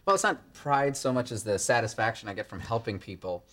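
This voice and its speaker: A man's voice: mid-range voice, big pitch swings, brisk, crowd noise, lightly acted. A man acting in a sitcom as an insecure, eager chiropractor in his thirties, flustered and stammering. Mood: eager, nervous. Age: 30s.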